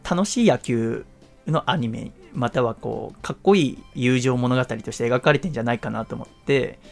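A man's voice: mid-range voice, normal speed, vocal fry, faint music behind. A man hosting a radio talk show in casual chat, teasing and laughing often.

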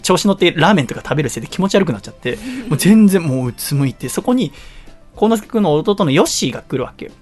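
A man's voice: fairly high pitch, fast, faint music behind. A man hosting a radio show, casually telling a long personal story, laughing often and acting out what others said. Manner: animated, laughs often while telling, acts out quoted lines.

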